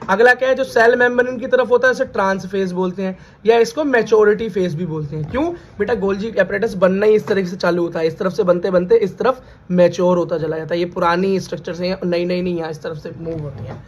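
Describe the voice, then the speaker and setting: Male Hindi-speaking biology tutor with a high voice, drilling terms through repeated questions, on a muffled lo-fi recording. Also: fairly even intonation, quick pace. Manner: repeats key terms as questions, calls students "beta". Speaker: biology teacher. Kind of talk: classroom lecture.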